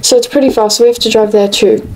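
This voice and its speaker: A woman's voice: fairly high pitch, steady tone, fast talker, background noise. A young woman chattily explaining travel plans.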